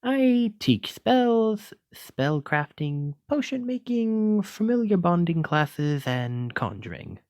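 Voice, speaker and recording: In an ASMR roleplay addressed to the listener, a man plays a clumsy, kindly wizard teacher, using theatrical, old-fashioned and encouraging phrasing in a genteel, instructive mood. His high, sing-song voice has a darkish tone and moves slowly with few pauses, heavily acted. The recording is dry and of studio quality.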